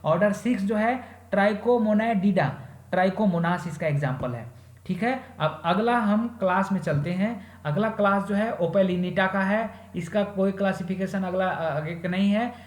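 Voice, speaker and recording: A man teaching a classroom biology lecture in a steady explaining manner, checking in often and slowing down to spell out long scientific names. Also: high-pitched, reverberant. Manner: steady explanatory delivery, frequent "ठीक है" check-ins; slows to spell out Latin names syllable by syllable.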